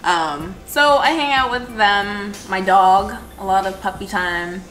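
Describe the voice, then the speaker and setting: A woman's voice: medium pitch, slow, fairly bright tone, low-quality recording. A woman in her twenties chatting casually as a co-host in a group question-and-answer video. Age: 20s. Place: living room couch, indoors. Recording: music clearly behind voice. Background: background music.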